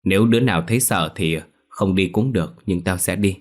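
A man's voice: low voice, brisk. A man voicing a daring, mocking village boy in a spoken ghost story. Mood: taunting. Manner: defiant, mocking. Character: cheeky bold village boy, daring and taunting.

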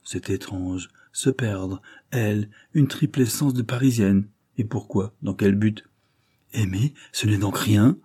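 A man voicing a sardonic, worldly young gentleman in a read-aloud novel, with a dry, ironic, measured delivery. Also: on the low side, husky, dry recording. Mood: skeptical.

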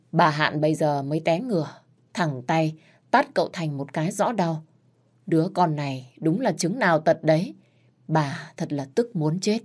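A woman storyteller with a low, steady voice reads a scripted tale. Her pacing is even and measured throughout.

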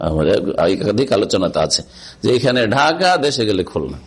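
Scholar asking rhetorical questions. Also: male voice, fairly low pitch, very animated, fairly quick, breathy edge. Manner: explains with rhetorical questions, quoting Arabic texts. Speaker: Islamic scholar teaching hadith. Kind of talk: religious lecture.

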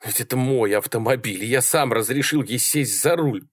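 A man voicing a panicky, hot-tempered driver in an audiobook, yelling in exasperation. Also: medium pitch, moderate pace, no room sound, studio quality, close to an everyday voice. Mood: muttering. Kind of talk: audiobook character reading.

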